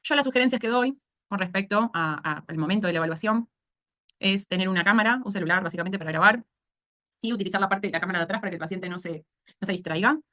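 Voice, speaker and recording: Rioplatense woman, speech therapy instructor, rapid explanatory lecture style with frequent check-ins. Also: medium pitch, sharp tone. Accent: Rioplatense Spanish. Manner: explanatory, asks "¿sí?" to check understanding. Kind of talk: online course lecture.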